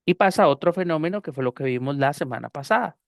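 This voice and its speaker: Teaching English pronunciation online, this Costa Rican-accented Spanish speaker talks quickly in a fairly high, gravelly, expressive voice. He explains patiently and keeps repeating phrases, sprinkling in fillers. He uses a computer mic on a video call, yet the sound is studio quality with no room sound.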